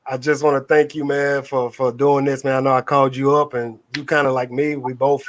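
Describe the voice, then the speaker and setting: A man's voice: medium pitch, fairly quick. A man hosts a casual live interview in a laid-back, easygoing way, with plenty of slang. His voice sounds dry and close, with no room echo. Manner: laid-back, relaxed slang-heavy talk. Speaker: interview host.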